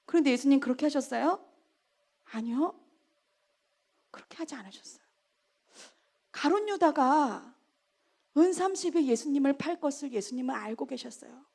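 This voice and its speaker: A woman evangelist telling a story in a sermon, acting out scolding lines in loud, lively bursts. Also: sits high, moderate pace, creaky. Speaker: evangelist preaching.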